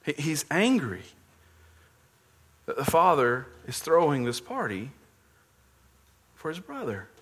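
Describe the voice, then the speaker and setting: A man's voice: fairly high pitch, huge pitch swings, takes it slowly, long pauses, fairly bright tone, breathy edge. A man preaching a sermon, earnestly explaining scripture and often repeating words as he goes.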